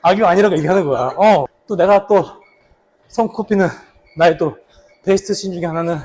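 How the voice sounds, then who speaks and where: A man with a slightly husky voice casually reminiscing for a vlog while out slow running. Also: sits high, noisy background. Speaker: actor, vlog host. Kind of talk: casual vlog reminiscing about a past drama role.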